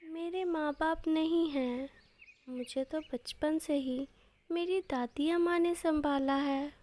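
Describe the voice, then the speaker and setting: A woman voicing a lonely orphan baby bird boy in a cartoon story, soft and pleading. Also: sits high, steady tone, slow pace.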